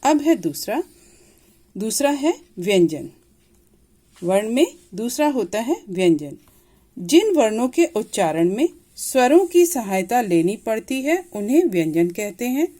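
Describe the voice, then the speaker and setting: Woman teacher going through letters real slow, voice jumps up and down, says everything twice. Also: on the high side, sing-song, mellow. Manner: patient, repeats each point slowly. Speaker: Hindi grammar teacher. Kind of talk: classroom lesson explaining letters.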